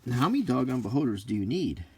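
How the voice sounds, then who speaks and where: Here a middle-aged vlogger thumbs through game books, talking casually without a script and slipping in nostalgic, slightly grumpy comments that make for accidental ASMR. His medium-pitched voice is dark and a bit rough, moving quickly with big swings in pitch.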